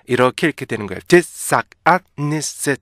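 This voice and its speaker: A man teaching English pronunciation, explaining patiently and slowly drawing out example words, often checking in with the listener. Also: mid-range voice, animated, fairly bright tone, no room sound, studio quality. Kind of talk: pronunciation lesson.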